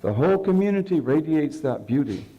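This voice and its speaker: A man's voice: fairly high pitch, very animated, brisk, muffled recording. A man giving a religious lecture, telling stories and checking in with the audience with a conversational "okay". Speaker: Islamic scholar lecturing.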